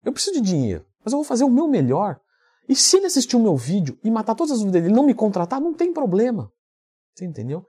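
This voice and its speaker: A man from Brazil, a fitness coach and YouTuber, telling a story in a vlog with lively acted-out dialogue. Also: high voice, rapid-fire, slightly rough. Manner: animated storyteller who acts out quoted dialogue.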